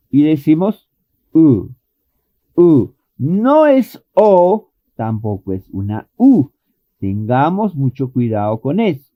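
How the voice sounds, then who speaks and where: Man teaching vowel sounds, slow and lively. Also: on the high side, no echo. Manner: explains patiently and repeats vowel sounds as demonstrations. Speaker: English phonetics teacher. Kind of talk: online pronunciation lesson. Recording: thin phone-like dry audio.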